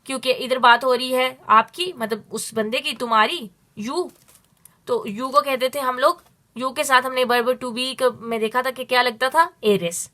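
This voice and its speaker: A woman teaching a Spanish lesson, explaining step by step and drawing out her Spanish examples slowly. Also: high voice, fairly even intonation, bright, forceful tone. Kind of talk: spoken language lesson.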